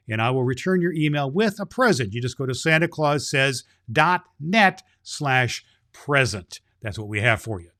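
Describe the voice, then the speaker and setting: A man playing a jolly, kindly Santa Claus, hosting a children's show and reading stories in an expressive, folksy way. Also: fairly high pitch.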